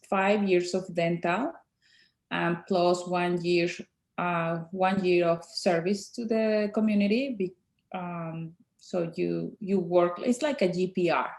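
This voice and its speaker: A woman in her forties from Mexico with a Mexican Spanish accent, a native Spanish speaker, answering interview questions as a guest dentist in a soft, halting way with many fillers. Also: on the low side, roomy sound.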